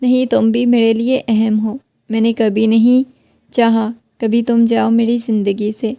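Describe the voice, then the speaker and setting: A woman's voice: fairly high pitch, flat delivery, vocal fry, mellow, no echo. Woman reading as a stern young husband. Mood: firm.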